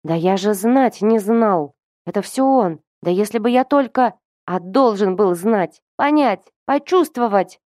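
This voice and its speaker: A woman voicing a desperate teenage girl who pleads and breaks into shrill cries. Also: normal speed, hardly any pauses, darkish tone, no echo, clean studio sound, close to an everyday voice. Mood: pleading.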